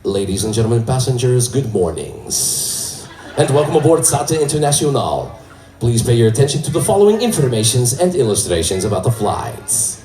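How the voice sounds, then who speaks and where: A man voicing a slick male airline pilot making a cabin announcement over the intercom, with a smooth announcer delivery and a Portuguese accent. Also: mid-range voice, very animated, normal speed, mellow, echoey room, distant mic, pitched below the performer's own voice, natural voice. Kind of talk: stand-up comedy bit.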